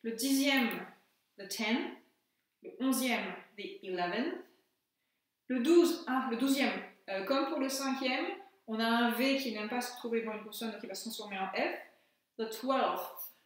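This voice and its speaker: A French-accented woman teaches a lesson in a patient, step-by-step manner, spelling out letters and saying words twice. Her voice sits fairly high. She sounds set back from the microphone in a strongly echoing room. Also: moderate pace, distant mic. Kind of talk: classroom lesson explanation. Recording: very echoey room, voice from off-mic.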